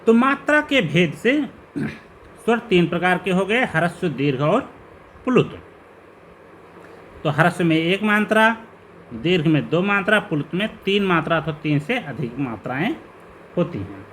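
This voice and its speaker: A male teacher gives a slow, step-by-step lecture on grammar, going through terms one after another. His voice sits high and moves a lot, rising on each question. A faint hiss runs behind him. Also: sing-song, fairly bright tone. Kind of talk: classroom lecture explaining grammar.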